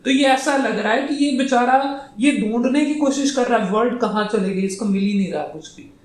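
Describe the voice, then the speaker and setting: A man's voice: high voice, reverberant. A man coaching students for a speaking exam, blunt and scolding, mixing English phrases into his Hindi. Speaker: PTE speaking trainer.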